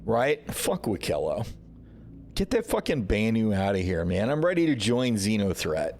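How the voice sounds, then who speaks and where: A man's voice: on the low side, very animated, moderate pace, darkish tone, a little hiss or hum. A man hosting a gaming livestream, ranting casually with sarcasm and frequent swearing. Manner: frustrated, sarcastic, swears often. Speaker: livestream host.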